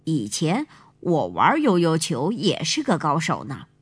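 A woman voicing a kindly, cheerful old grandfather bear in a children's storybook, speaking slowly and gently with a chuckle in his manner. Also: low voice, wildly swooping pitch, slightly rough, pitched below the performer's own voice, heavily acted. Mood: gentle. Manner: slow, warm-hearted, chuckling.

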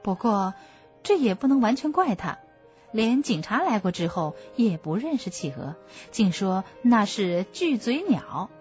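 A woman hosting a children's story program, explaining gently to young listeners. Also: mid-range voice, sing-song, unhurried. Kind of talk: scripted narration for children. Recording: dull lo-fi recording with music.

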